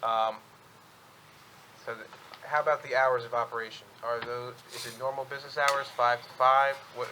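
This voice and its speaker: Bright-voiced male attorney at a hearing. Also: medium pitch, flat delivery, moderate pace, slight background noise, poor audio. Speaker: attorney for an applicant. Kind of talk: formal hearing presentation and questioning. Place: public board meeting room.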